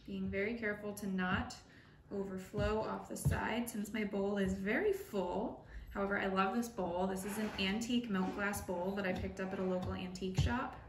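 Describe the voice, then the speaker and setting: This young woman, a home baker and channel host, chats warmly through each step of a casual baking tutorial in her kitchen. She speaks in a steady, mid-range voice at a moderate pace, and the room sounds echoey with faint noise.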